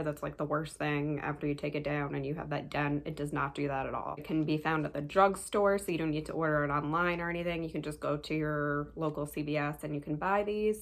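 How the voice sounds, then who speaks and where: A young woman vlogger casually chatting through her favorite products of the month and recommending them to viewers. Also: sits low. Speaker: beauty vlogger.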